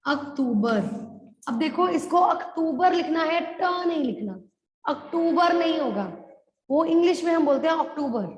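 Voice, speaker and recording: A woman teacher dictates a class lesson and drags out each word so her students can follow. Her voice sits high. The recording has a roomy echo with a long reverb tail. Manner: slow, drawn-out dictation of words; mixes English phrases into her speech. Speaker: primary school teacher. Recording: echoey room with long reverb.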